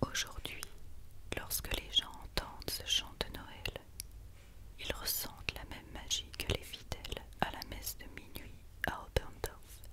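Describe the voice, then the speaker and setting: Whispering woman, hushed night-time ASMR reading. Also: a little slow. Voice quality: breathy unvoiced whisper. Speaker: ASMR reader.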